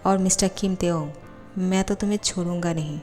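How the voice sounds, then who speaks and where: A woman's voice: on the low side, fairly even intonation, moderate pace, a little mellow, soft background music, close to an everyday voice. A woman voicing an arrogant young male college student who scolds and threatens, in a storybook reading. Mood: angry.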